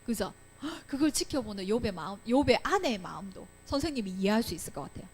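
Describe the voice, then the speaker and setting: A woman's voice: medium pitch, fast, breathy edge. A young woman teaching a Sunday school Bible lesson to children, telling the story with acted-out lines and frequent questions to the class. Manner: animated storytelling, acting out quoted lines, asking children questions. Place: church classroom.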